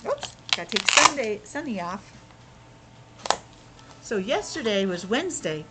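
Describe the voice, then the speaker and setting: Unhurried, with big pitch swings in a medium voice, a preschool teacher leads young children through an interactive lesson. She's playful and exclamatory, asking questions and sounding out words, though the recording is very noisy.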